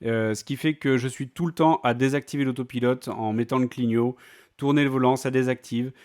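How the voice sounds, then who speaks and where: A man's voice: mid-range voice, steady tone, brisk, darkish tone. A man talking casually in a vlog, chatty and full of fillers and restarts. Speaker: vlogger.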